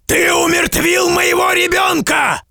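A man voicing a huge, wrathful giant who shouts his threats slowly and menacingly in a storybook reading. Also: extremely high pitch, sing-song, gravelly, dry recording, clean studio sound, pitched above the performer's own voice, full character voice. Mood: furious.

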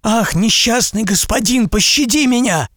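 A man voicing a frightened rich merchant who begs for his life in a high, wailing voice. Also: slow pace, bright, forceful tone, no room sound, clean studio sound, full character voice. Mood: pleading. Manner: high-pitched, begging and wailing. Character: terrified pleading rich male merchant.

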